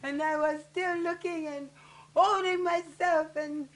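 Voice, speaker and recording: A woman from Haiti performing a dramatic spoken-word monologue, anguished and crying, breaking into shouts and wails. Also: extremely high pitch, fairly even intonation, measured pace.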